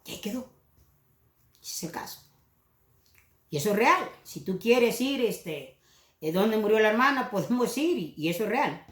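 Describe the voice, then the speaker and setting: A woman's voice: mid-range voice, expressive, normal speed, long pauses, roomy sound. A woman preaching a sermon with passion, now and then mimicking other preachers mockingly.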